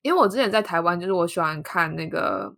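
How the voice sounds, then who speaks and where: Bright-voiced Taiwanese woman chatting casually. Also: lowish voice, fast talker, creaky. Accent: Taiwanese Mandarin. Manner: slangy, animated reactions. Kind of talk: casual chat, mixing Mandarin with English phrases.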